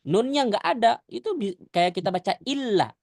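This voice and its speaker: A man teaching Quran recitation rules, modelling verses slowly and correcting his students. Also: high-pitched, sing-song, vocal fry, no room sound. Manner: corrective, demonstrates recitation slowly then explains quickly. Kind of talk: recitation lesson.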